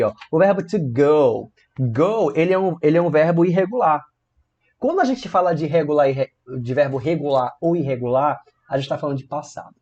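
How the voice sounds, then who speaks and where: Lively Brazilian man teaching grammar. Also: on the high side, muffled recording. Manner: lively, playful storytelling with rhetorical questions. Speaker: English teacher. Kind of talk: video lesson explaining grammar.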